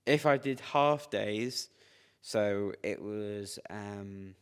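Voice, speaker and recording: A young man, chatting loosely on a podcast. His voice sits low, and his stories ramble along with plenty of filler words and slang. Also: extremely slow, clear, resonant tone. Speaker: podcast co-host. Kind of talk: casual chat.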